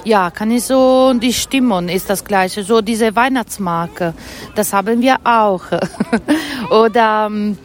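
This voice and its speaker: A woman's voice: medium pitch, takes it slowly. A woman from northern Italy with an Italian accent and Italian as her first language, interviewed at an outdoor Christmas market stall, often searching for her German words. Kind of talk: casual interview.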